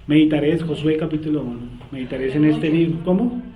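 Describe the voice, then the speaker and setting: Here the Colombian Bible study teacher sounds fairly high and mellow, talking quickly with fairly even intonation as he quizzes students with fill-in questions and open-ended sentences. The recording is roomy, with faint background noise.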